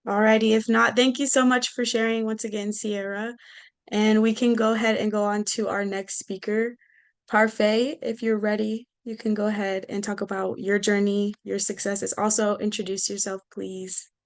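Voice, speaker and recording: A woman's voice: medium pitch, level tone, moderate pace. A woman informally moderating a group of speakers on a video call. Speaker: moderator of online panel. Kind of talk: informal hosting.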